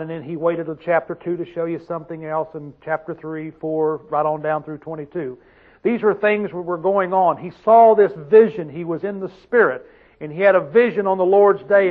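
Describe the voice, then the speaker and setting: Man, preacher, conversational Bible teaching, high voice, thin phone-line recording. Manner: conversational, asks the listeners questions often. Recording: tinny phone-like sound.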